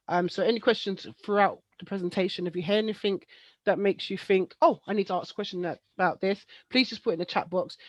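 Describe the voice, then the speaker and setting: A woman's voice: fairly low pitch, no room sound, lo-fi sound. A woman moderating an online webinar, chatty with frequent ums. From East London. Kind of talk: casual online presentation hosting. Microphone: video call.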